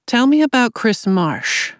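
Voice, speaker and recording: A woman reading an audiobook and voicing a calm female undersheriff who questions a victim in a measured, quietly probing way. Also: on the high side, no echo, clean studio sound, voice pushed up.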